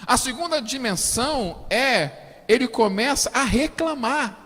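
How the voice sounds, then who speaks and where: High-voiced Brazilian pastor preaching. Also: male voice, lively intonation, measured pace, big-room sound. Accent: Brazilian Portuguese. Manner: swings from quiet low asides to loud high outbursts; acts out quoted voices of suffering people. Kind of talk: sermon. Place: church.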